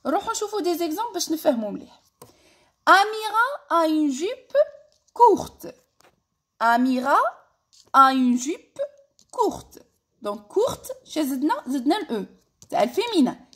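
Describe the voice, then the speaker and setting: Lively Algerian woman teaching French. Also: high voice. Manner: slow, deliberate dictation of example words, repeating them. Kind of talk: classroom-style grammar lesson.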